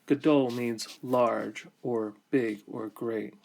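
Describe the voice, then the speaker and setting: A man teaching a grammar lesson, explaining step by step in slow, deliberate phrases with many pauses. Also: medium pitch, fairly even intonation, gravelly, a little mellow, a little hiss or hum.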